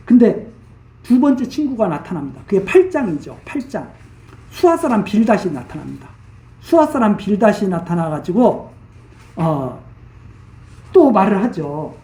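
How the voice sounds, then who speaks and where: A pastor delivering an expository Bible sermon in a roomy, echoing church, picked up by a distant mic. The voice is mellow and dark, with an ordinary mid pitch. Verses are unpacked in plain, conversational retellings. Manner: explains verses in plain colloquial paraphrase. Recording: echoey room, mic far off.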